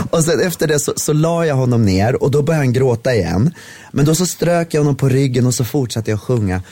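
Male storyteller, husky tone, animated melody, restless restarts. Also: medium pitch, no room sound. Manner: warm storytelling with many restarts. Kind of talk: casual chat.

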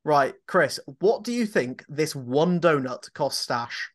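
Male co-host, teasing and jokey, slightly higher pitch. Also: lively intonation, takes it slowly. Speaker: podcast co-host. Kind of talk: casual chat.

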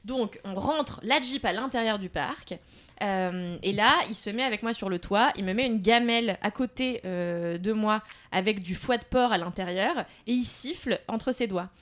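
A woman guest on a podcast, telling stories in a chatty, animated way with lots of slang and fillers. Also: mid-range voice, moderate pace. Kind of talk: casual storytelling.

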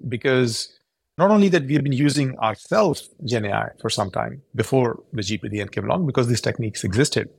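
A man's voice: mid-range voice, breathy edge, no echo. A man in his forties from Pakistan, giving earnest, explanatory answers as a podcast guest. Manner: earnest, explanatory, with frequent restarts. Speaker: tech company founder, guest.

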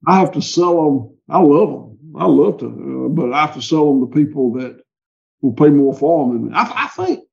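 Heard on lo-fi audio, this man has a fairly high, gravelly voice with a darkish tone and an animated, moderate delivery. He's a livestock farmer from the American South with a Southern accent, giving a rambling, folksy interview full of restarts.

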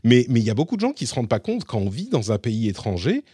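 A man from Lebanon hosting a casual tech podcast, chatty and animated, often restarting his sentences. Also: mid-range voice, quick pace, slightly rough, no room sound, studio quality. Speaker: podcast host.

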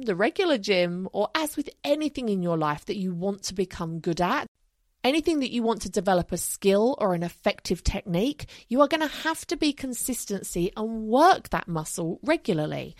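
A woman hosts a casual self-help talk in an upbeat, tidy advice-vlogger manner. She is chatty and emphatic, with a cheeky sweary streak and a medium-pitched voice. The sound is close and dry. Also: no room sound. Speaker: host of a self-help show on manifesting.

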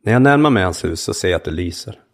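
A man narrating his own memoir in the first person, calm and measured in short sentences. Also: low-pitched.

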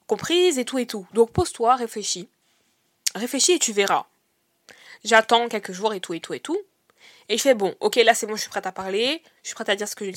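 A young woman hosting a podcast, giving casual, animated advice straight to her listeners. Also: medium pitch, no room sound, studio quality. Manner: animated, chatty, addresses listeners as "les gars". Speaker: podcast host.

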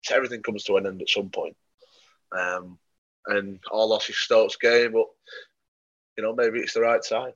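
Low-voiced man, muffled sound. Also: flat delivery, normal speed, long pauses, a bit bright. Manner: dry, matter-of-fact opinions with frequent ums. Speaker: podcast co-host. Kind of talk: casual football podcast chat. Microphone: podcast microphone.

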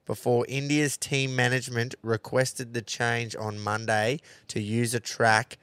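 A man's voice: medium pitch, level tone, measured pace, a bit bright, smooth, no room sound. A man with an Australian accent hosting a casual sports podcast in a blokey, sweary way. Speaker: podcast host. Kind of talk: casual sports chat with sponsor reads.

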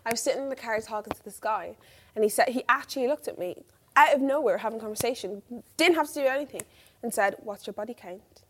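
Chatty young woman, fairly high voice. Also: fast talker. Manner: chatty storyteller, laughs easily. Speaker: podcast co-host reading listener questions. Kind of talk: casual chat.

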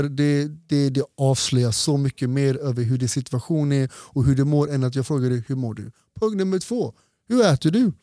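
A man's voice: mid-range voice, mellow, no room sound, clean studio sound. A man who is a doctor, explaining health topics in a casual podcast conversation and laying out his points one by one. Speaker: doctor guest.

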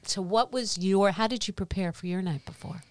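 A woman's voice: medium pitch, normal speed, no room sound. A woman with a New York accent hosting a candid conversational interview, telling stories and repeating phrases for emphasis. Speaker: podcast host.

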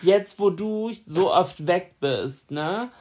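A woman's voice: fairly low pitch, lively intonation, slow pace, a little mellow. A young woman chats on her podcast in a loose, talkative way. She is blunt and likes to tease. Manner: chatty, blunt and teasing. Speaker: podcast co-host. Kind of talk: casual couple chat.

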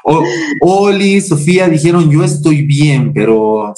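A man's voice: fairly high pitch, expressive, unhurried, mellow. A man co-hosting a live lesson, reading out viewers' answers in a chatty way. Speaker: co-host reading viewer comments.

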